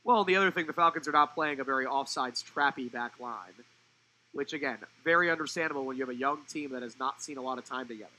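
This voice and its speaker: A young man giving live play-by-play commentary on a college soccer match, fluent and rising in pitch when the play turns attacking. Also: fast talker, bright, forceful tone, a little hiss or hum, poor audio.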